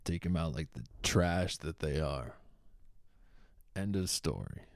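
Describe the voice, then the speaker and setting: A young man from Boston, with a Boston accent, hosts a comedy show in a profane, heated stand-up style rant punctuated by shouting bursts. His bass voice is animated and slow-paced, and the recording is dry.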